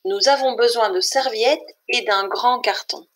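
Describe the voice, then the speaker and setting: A woman voicing a calm adult woman who gives firm instructions in a deliberate way, close to her own reading voice. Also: on the high side, natural voice. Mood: urgent.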